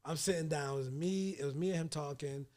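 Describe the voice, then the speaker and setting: A man in his late thirties hosting a casual podcast chat, slangy and animated, acting out what people said to him. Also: a little high, fast talker. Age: 30s. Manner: animated storyteller, acts out quotes, slangy. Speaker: host.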